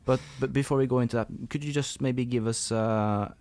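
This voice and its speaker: A man's voice: mid-range voice, fairly even intonation, a little fast, a little mellow, dry recording. A man hosting a music podcast, asking questions in a rambling, enthusiastic way with many fillers. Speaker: podcast host. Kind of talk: casual interview.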